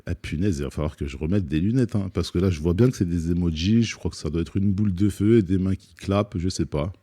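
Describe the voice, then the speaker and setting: A man in his thirties with a very low, dark voice, talking loosely with many pauses and "euh" fillers. He answers a live stream's questions in a relaxed, joking way. The sound is dry and close, with no room echo. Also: breathy edge. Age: 30s. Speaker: rapper guest on a live music stream. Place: studio set.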